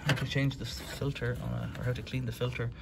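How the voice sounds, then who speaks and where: A UK vlogger with a medium-pitched, gravelly voice talks quickly in a level tone while walking back alleys outdoors. Filming on a handheld phone, he gives rambling, matter-of-fact walk-and-talk commentary over loud outdoor noise.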